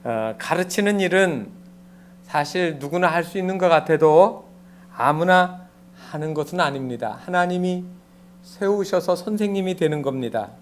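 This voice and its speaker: Male pastor, slightly high voice, quiet, measured sermon delivery with frequent pauses. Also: animated, a little hiss or hum. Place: church sanctuary.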